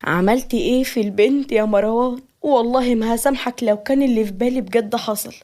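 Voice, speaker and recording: A woman's voice: medium pitch, racing, dark tone, lightly acted. A woman voicing a tearful, anxious mother in an Egyptian accent. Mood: alarmed. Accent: Egyptian Arabic. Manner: anxious, pleading. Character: worried older mother, tearful.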